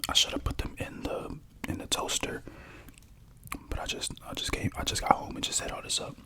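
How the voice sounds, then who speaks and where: A young adult whispering casual stories at home while eating snacks into a close mic for an ASMR video. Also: a little fast. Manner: soft rambling whisper with crunching and chewing sounds.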